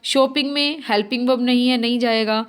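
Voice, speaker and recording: A woman teaching an exam-prep lesson, asking and answering her own questions as she walks through each answer and reading English sentences out slowly. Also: a little high, fairly even intonation, clean tone.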